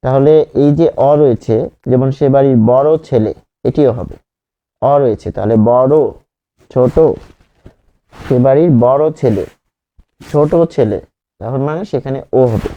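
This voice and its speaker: Male teacher giving a methodical exam-prep grammar lesson, mellow tone, muffled lo-fi recording. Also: medium pitch. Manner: slow, repetitive, repeats example words and asks the class questions.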